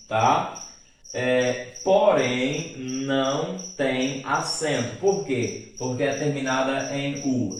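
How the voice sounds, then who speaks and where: Male teacher, slow and deliberate delivery, spells out word endings; very echoey room, mic at a distance. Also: mid-range voice. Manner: asks questions in a student's voice and answers them. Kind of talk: recorded grammar lesson.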